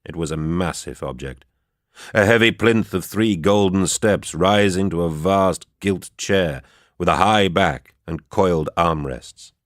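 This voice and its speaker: A man reading a story aloud in a steady, measured way for a book club. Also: low-pitched, dry recording, studio quality. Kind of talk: audiobook-style narration.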